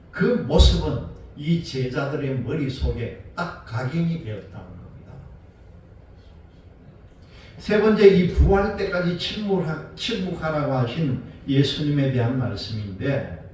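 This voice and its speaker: A man's voice: fairly high pitch, darkish tone. A male pastor delivering a Sunday sermon, retelling scripture and asking the congregation rhetorical questions. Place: church sanctuary. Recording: very echoey room, voice from a distance, faint ambience.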